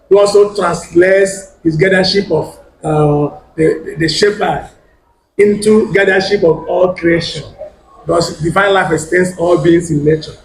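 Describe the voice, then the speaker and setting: A man with a Nigerian accent, his voice a little high for a man, anchors an academic roundtable in a formal register. He asks rhetorical questions and often stops and restarts words. The recording is creaky and rough, with a faint hiss underneath.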